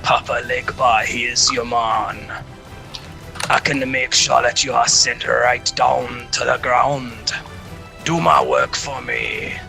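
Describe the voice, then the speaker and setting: A man's voice: medium pitch, steady tone, takes it slowly, creaky, bright, forceful tone, soft background music, heavily acted. A man voicing the loa spirit Papa Legba with a put-on accent in a tabletop game. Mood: ominous.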